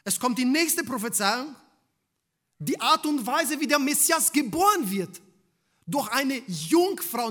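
A man preaching a sermon, putting rhetorical questions to the congregation and swinging between loud emphasis and hushed lines. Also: very high-pitched.

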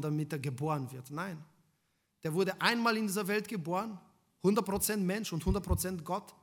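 A man preaching a sermon, putting rhetorical questions to the congregation and swinging between loud emphasis and hushed lines. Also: sits high.

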